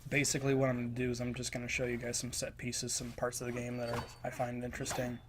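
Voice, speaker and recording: A congested, stuffed-up man rambles casually through a voice-over game review, full of ums and restarts. His medium-pitched voice is monotone and fast, set against a noisy background of game footage audio and music.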